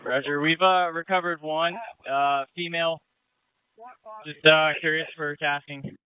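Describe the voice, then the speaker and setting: A man's voice: fairly high pitch, fairly even intonation, measured pace. A man speaking as a coast guard boat operator in clipped marine radio procedure talk, over a two-way radio. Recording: narrow, phone-like marine radio.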